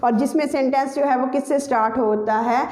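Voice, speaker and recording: A woman's voice: sits high, steady tone, a little fast, a little mellow. A woman teaching an English grammar lesson, explaining step by step, repeating key terms and addressing her students directly. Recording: echoey room.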